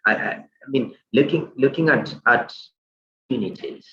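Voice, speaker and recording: A man's voice: medium pitch, normal speed. A man moderating an online panel, talking politely with many hesitant fillers over a video call. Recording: roomy, muffled video-call audio with faint noise.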